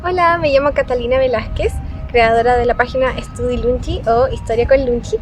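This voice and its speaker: A woman's voice: on the high side, fairly even intonation, brisk, soft background music. A woman, answering an interview with hesitations. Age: 20s. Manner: hesitant, with fillers. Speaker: history content creator. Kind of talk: interview testimony.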